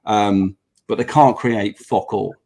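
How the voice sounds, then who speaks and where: A man's voice: lowish voice, fairly even intonation, slow pace, dark tone. A man with dental braces slightly affecting his speech, chatting earnestly and swearing freely as he repeats points for emphasis. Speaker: business owner, podcast guest. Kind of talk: casual panel chat.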